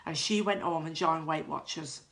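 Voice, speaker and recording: Gravelly and low yet fairly bright, this middle-aged woman's voice moves at normal speed. As a client sharing a testimonial, she tells her personal story frankly and self-deprecatingly, frequently starting over.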